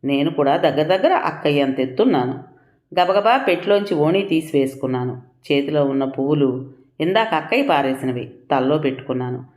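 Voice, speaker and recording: A woman telling a first-person audio story in a calm, reflective reading. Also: deep voice, a little fast. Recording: echoey room.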